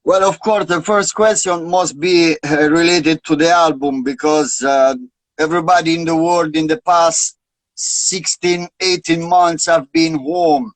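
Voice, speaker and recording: An Italian man, whose first language is Italian, acts as guest interviewer in a casual live video chat, asking questions in English sprinkled with Jamaican patois phrases. His voice is a little high and measured, and the recording is dry and low quality.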